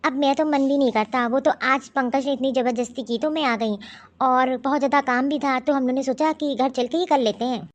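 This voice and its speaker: A woman voicing a modern, pushy young city woman in an animated cartoon, speaking breezily and dropping English words. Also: high-pitched, fairly quick, close to an everyday voice. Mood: breezy.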